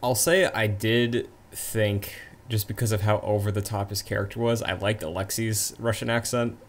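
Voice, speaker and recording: Low-voiced man chatting about a film. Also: fairly even intonation, normal speed. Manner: chatty, trailing asides. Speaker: podcast co-host. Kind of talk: casual movie review chat.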